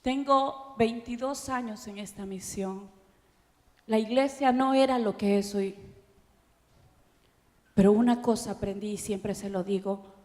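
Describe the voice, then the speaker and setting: A middle-aged woman pastor with an Ecuadorian accent, preaching an emotional testimony that swings from hushed to loud. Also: medium pitch. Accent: Ecuadorian Spanish. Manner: emotional, slow, dramatic shifts from hushed to loud. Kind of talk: sermon testimony. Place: conference auditorium. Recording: long hall reverb.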